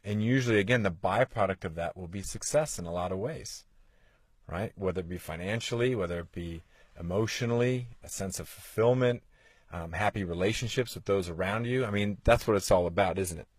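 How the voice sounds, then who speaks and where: Hosting a motivational podcast, this man in his forties speaks in a fairly low, husky voice at a brisk pace. His manner is earnest and coaxing, built around rhetorical questions, and the close mic keeps the sound dry and intimate without any room echo.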